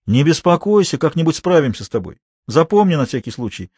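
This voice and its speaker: A man's voice: on the high side, very animated, fairly quick, a little mellow, breathy edge, dry recording, studio quality. Man reading as a level-headed teen leader. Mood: reasoned. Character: level-headed teenage male leader, fair.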